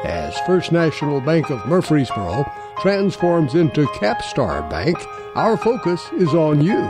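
A man's voice: a little high, huge pitch swings, measured pace. A man reading a scripted bank advertisement as its announcer. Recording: music bed under voice. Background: music.

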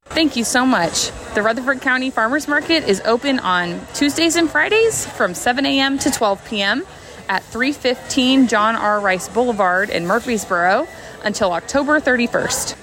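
A woman's voice: fairly high pitch, expressive, normal speed. A woman presenting a scripted radio promotion as a spokesperson. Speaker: market spokesperson.

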